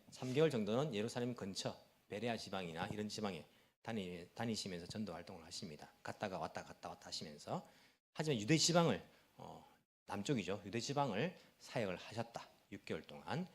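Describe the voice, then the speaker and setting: A middle-aged man preaching a Sunday sermon as pastor of a church, quick and lively, asking the congregation questions and answering them himself. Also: medium pitch. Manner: fast-talking, self-aware, chuckles at himself. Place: church sanctuary.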